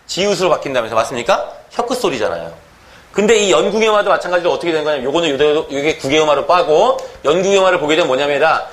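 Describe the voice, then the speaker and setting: A man teaching a grammar lecture, animated, constantly asking the class questions and mimicking pronunciations. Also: fairly high pitch.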